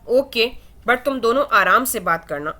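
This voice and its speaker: A woman voicing Mehr, a caring young woman who gently reasons with her friend, in a read-aloud novel. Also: a little high, animated. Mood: advising.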